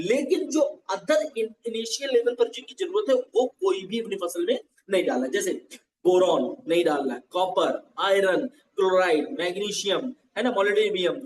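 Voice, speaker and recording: A man's voice: high-pitched, recorded from a distance, noisy background. A man giving a live farming training, explaining step by step and checking often that viewers follow. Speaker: agriculture trainer. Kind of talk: live online teaching session. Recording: echoey room, voice set back from the mic.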